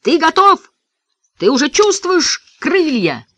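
An excited young boy calls out to his friends, his voice leaping up high with eager shouts, as a man puts him on. Each call swoops and lifts with lively energy. The sound is close and dry. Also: normal speed, no echo, heavily acted. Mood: excited shouting.

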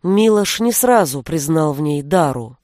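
A woman reading an audiobook aloud in an even, measured storytelling manner. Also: low-pitched, dry recording, clean studio sound. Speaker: narrator. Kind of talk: audiobook narration.

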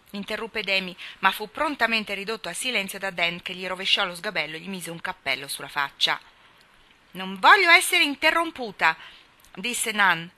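A woman reads a classic children's novel aloud with expressive storytelling. Her voice is very bright and clear. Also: mid-range voice. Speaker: audiobook reader.

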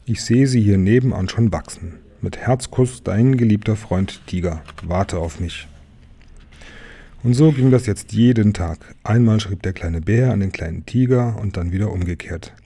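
Husky deep man reading a children's story. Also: moderate pace. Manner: gentle, with small asides to the listener. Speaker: reader of a children's book.

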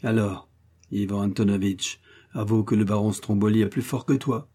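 A man's voice: on the low side, fairly even intonation, normal speed, natural voice. A man voicing a haughty, hot-tempered Russian prince who gives orders and rages in a storybook reading. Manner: imperious, shouting in fury.

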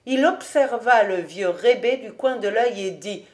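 A woman narrating a classic novel as an audiobook reader, in measured storytelling. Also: on the high side.

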